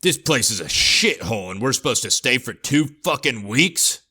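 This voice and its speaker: A man's voice: lowish voice, sing-song, normal speed, pushed and bright, no room sound. A man voicing a hot-tempered, foul-mouthed male space outlaw who talks crude and suspicious. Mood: angry.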